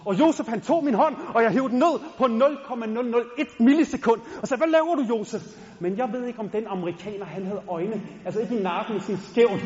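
A man's voice: very high-pitched, few pauses, a little mellow. A man from Denmark telling a funny story on stage to a live audience, playful and talking straight to the crowd. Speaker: stand-up storyteller and rapper. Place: large concert hall. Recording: echoey hall, dull sound.

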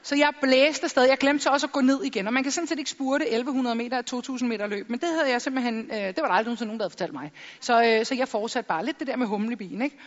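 A middle-aged woman giving a lively stage talk full of jokes and acted-out quotes. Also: a little high, hardly any pauses, in a large hall, highs cut off. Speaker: public speaker.

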